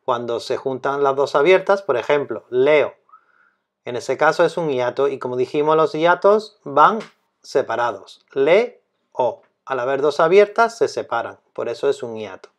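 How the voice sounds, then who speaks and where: A man explaining a grammar lesson as a teacher, speaking slowly and deliberately and repeating key terms. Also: mid-range voice, lively intonation.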